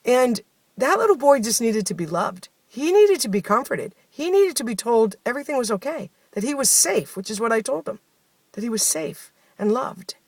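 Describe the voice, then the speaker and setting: A woman's voice: fairly high pitch, sing-song, normal speed, no room sound. A woman speaking a heartfelt personal diary, telling her story in a reflective, conversational way, with many fillers. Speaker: host of a spoken daily journey series.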